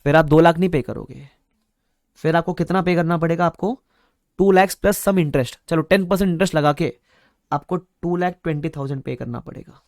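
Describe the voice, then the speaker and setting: A young man teaching a live class, telling a playful story and acting out loud bits of dialogue. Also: fairly high pitch, normal speed, no room sound, clean studio sound. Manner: playful storytelling, acts out shopkeeper dialogue loudly. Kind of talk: live online class lecture.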